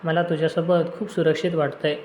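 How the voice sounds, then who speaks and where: A man voicing a gentle young man who is a tender friend and photographer, speaking softly and coaxingly. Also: on the high side, little pitch movement, a little fast, reverberant, slight background noise, natural voice. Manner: soft, coaxing.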